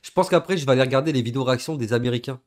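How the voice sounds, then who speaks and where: A young man from southern France giving casual, slangy reaction commentary with excitable, laughing asides. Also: mid-range voice, rapid-fire. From southern France, Gard area. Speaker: reaction video host.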